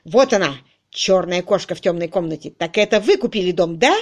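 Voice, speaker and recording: A woman voicing a brash, blustering male debt collector who speaks loudly and stretches his words. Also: fairly low pitch, animated. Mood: indignant. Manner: loud, emphatic, drawn-out words.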